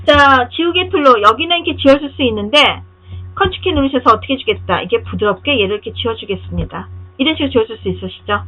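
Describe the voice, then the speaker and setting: A woman with a slightly raised pitch and a husky, breathy edge walks through software steps one by one. Her pitch moves a lot as she poses rhetorical questions to check that the viewer is keeping up. The recording is dull and lo-fi, like an older screen capture. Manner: step-by-step, directive instructing. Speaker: software instructor. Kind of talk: screen-recorded tutorial narration.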